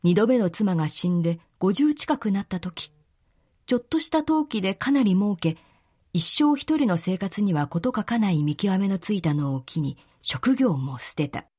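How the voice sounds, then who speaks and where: A woman narrating a literary story in a calm, measured reading. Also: medium pitch, breathy edge.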